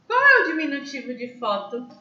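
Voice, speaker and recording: A woman's voice: high-pitched, big pitch swings, fairly quick, pushed and bright, reverberant, highs cut off. A woman teaching a grammar class, explaining step by step and asking her students questions. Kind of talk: online class lecture.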